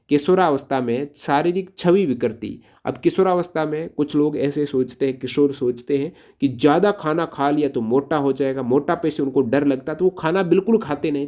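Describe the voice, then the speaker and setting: A man explaining science exam questions step by step, asking questions and then answering them himself. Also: on the high side. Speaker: exam-prep teacher.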